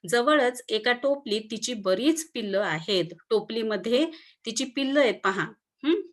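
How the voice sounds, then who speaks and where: A woman's voice: a little high, expressive, a little slow. A woman teacher reading a textbook lesson aloud to children, explaining each word with synonyms and checking in with them often. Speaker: school teacher.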